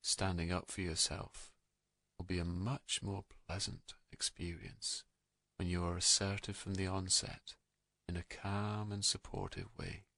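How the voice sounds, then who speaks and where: The recording is dry, and the man's low, gravelly voice leads a guided meditation. He stays calm, gentle and soothing, pausing without hurry between his soft phrases.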